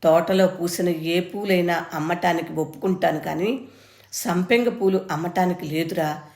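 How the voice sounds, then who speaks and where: A woman's voice: on the low side, normal speed, a little mellow, natural voice. A woman reading a story, voicing a stern old grandmother who scolds her son firmly and with passion. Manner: firm, scolding, impassioned. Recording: roomy echo.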